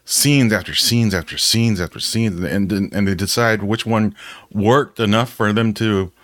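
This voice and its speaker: A man co-hosting a movie review chat, talking in an animated way and laughing easily. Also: fairly low pitch, a little slow, dry recording. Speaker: podcast co-host reviewing movies. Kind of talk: casual chat.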